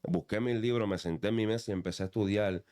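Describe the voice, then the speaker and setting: A man's voice: on the low side, quick pace, a little mellow. A man hosting a faith podcast. He interviews his guest, and his emphasis has the exhorting push of a preacher. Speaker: podcast host.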